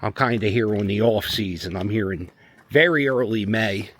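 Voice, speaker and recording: A man's voice: on the low side, moderate pace, a bit bright. A man vlogging outdoors, chatting casually with offhand, rambling observations. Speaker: travel vlogger. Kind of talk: casual vlog chat.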